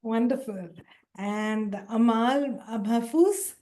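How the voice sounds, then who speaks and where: Speaking slowly in a fairly high, warm voice, a woman facilitates a leadership workshop online. The audio comes through a video call as she kindly introduces the session and names each participant in turn.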